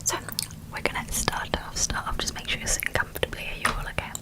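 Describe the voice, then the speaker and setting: A woman whispers very close to the microphone, soft and breathy, in a slow, gentle ASMR role-play. Her tone stays calm and reassuring, with no full voice at all. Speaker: ASMR creator.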